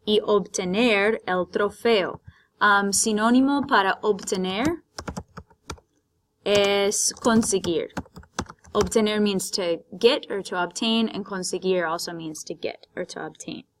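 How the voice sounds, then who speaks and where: A woman's voice: medium pitch, takes it slowly, slight background noise. A woman teaching Spanish vocabulary, patiently explaining words in Spanish and English. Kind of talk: vocabulary lesson, bilingual.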